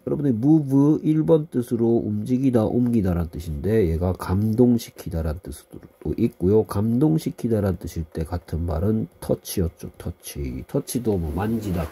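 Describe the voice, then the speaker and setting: A man's voice: sits low, mellow, husky. A man teaching English vocabulary to middle school students, patiently explaining and repeating each word with its meaning. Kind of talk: vocabulary lesson.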